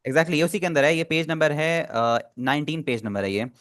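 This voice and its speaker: A man's voice: a little high, moderate pace, a bit bright. A man teaching an online language class, patiently repeating and explaining pronunciation step by step.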